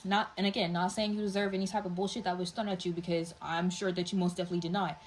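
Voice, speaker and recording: A woman's voice: lowish voice, flat delivery, racing, a little hiss or hum, low-quality recording. A young woman giving a casual tarot reading, talking in a chatty, passionate way with lots of fillers. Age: young adult. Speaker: tarot reader.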